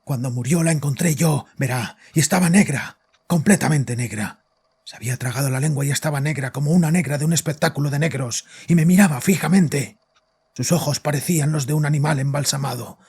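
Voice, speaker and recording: In an audio drama, an actor plays a distraught, domineering father, confessing in a halting, anguished way. His voice is gravelly and husky, a little high, with a darkish tone and a heavily acted delivery.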